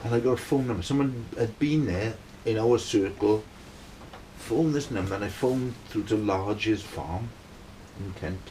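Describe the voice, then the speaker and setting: A middle-aged Welsh man, a band member, tells a long personal story in a casual, rambling way, checking in with listeners by asking "right?". His lowish, warm voice is unhurried, and the rough recording carries a little hiss or hum.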